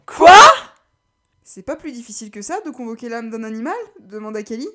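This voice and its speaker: A woman's voice: fairly high pitch, lively intonation, brisk, natural voice. A woman reading aloud and voicing a pedantic young woman who lectures precisely. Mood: lecturing.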